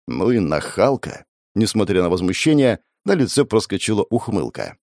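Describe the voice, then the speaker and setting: A man's voice: fairly low pitch, very animated, normal speed, darkish tone, dry recording. A man narrating an audiobook in the first person, with a dry, grumbling, wry delivery.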